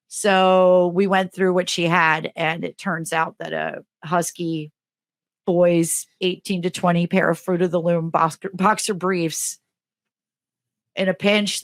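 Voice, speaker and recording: A woman's voice: no echo, clean studio sound. A middle-aged woman co-hosting a podcast, telling a comic story in casual chat and acting out the quotes with big jumps in her voice. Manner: animated, acts out quotes with big pitch jumps. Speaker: podcast co-host and teacher.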